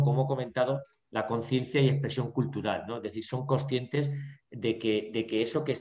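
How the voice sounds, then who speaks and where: A man's voice: mid-range voice, darkish tone. A man gives a teacher's lecture over a video call. His voice sits in a middling register, and he peppers his talk with fillers and check-ins. The sound is dull and lo-fi, with a roomy echo around him. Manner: filler-heavy, constantly checking in with "¿vale?" and "¿no?". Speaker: drama teacher giving a lecture.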